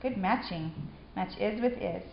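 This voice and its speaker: A young woman patiently teaching her son sight words, giving steady praise. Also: medium pitch, a little slow, creaky, a little hiss or hum. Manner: encouraging, patient, repetitive praise. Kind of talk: one-on-one reading drill. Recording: echoey room, slightly dull home video.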